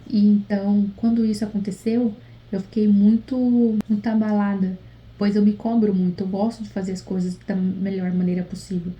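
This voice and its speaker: Woman, deep warm timbre; chatty, heartfelt home vlogger recording late at night. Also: low-quality recording. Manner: earnest and chatty, often addressing viewers directly. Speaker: YouTuber sharing a faith testimony. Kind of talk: casual testimonial vlog. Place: at home late at night, husband in the next room.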